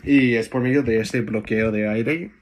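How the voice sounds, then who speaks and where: A man's voice: medium pitch, steady tone, unhurried, slight background noise. A young man giving a class presentation from his notes, a little hesitant. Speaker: student presenter.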